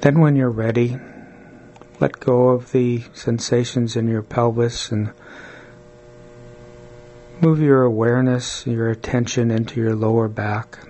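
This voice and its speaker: A man leading a guided body-scan meditation, speaking calmly and soothingly, with long pauses between short phrases. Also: medium pitch, a little hiss or hum.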